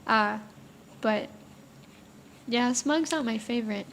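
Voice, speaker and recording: A young adult woman chatting casually as a guest, telling animated stories with playful outbursts. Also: fairly high pitch, slow, a little hiss or hum. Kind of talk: casual chat.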